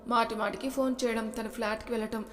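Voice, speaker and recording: A woman's voice: fairly high pitch, little pitch movement, fast, big-room sound, natural voice. A woman voicing a teasing kid brother. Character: teasing younger brother, playful young man.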